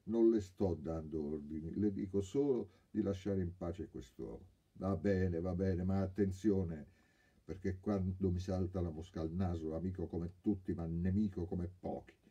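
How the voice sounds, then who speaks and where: A man's voice: low-pitched, moderate pace, mellow, breathy edge, highs cut off, voice pushed up. An actor reading aloud plays a bullying male car thief who taunts and threatens, raising his voice. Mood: mocking.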